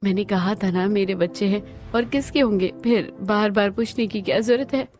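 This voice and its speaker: A woman's voice: medium pitch, normal speed, a little mellow, soft background music. A woman performing the dialogue of a cartoon family drama in a dramatic, scolding manner. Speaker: voice actor for several characters.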